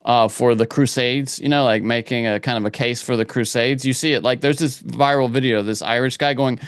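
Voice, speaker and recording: A man's voice: medium pitch, steady tone, fairly quick, smooth, dry recording, studio quality. A man guesting on a podcast, talking in an easygoing way and explaining things in a roundabout manner. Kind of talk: casual podcast chat.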